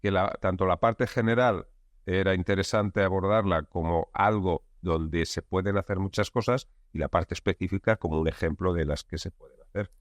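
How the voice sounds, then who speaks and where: A guest expert in a conversational interview, this man explains things calmly in a low voice, measured and leaning on filler words like "digamos." There is no room sound.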